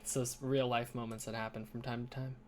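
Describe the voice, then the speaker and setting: A man co-hosts a casual livestream and chats as he sets it up at his computer. His voice sits at an ordinary middle pitch. A faint hiss runs underneath. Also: little pitch movement, a little fast, darkish tone. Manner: chatty, fiddles with stream setup while talking. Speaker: co-host. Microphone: headphones with computer mic.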